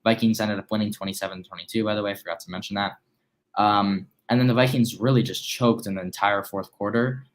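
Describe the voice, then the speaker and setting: A man's voice: on the low side, fairly even intonation, fast talker. A teenage boy as a recurring guest, analysing a football game with some hesitant fillers. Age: teens. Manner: hesitant, fillers while recalling. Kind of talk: casual sports analysis.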